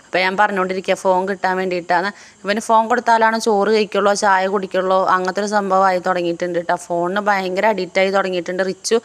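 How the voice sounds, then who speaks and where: A woman's voice: mid-range voice, fairly bright tone. A young pregnant woman from Kerala, narrating her family vlog in a chatty, homely way. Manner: chatty, homely, adds tag words to sentences. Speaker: family vlogger.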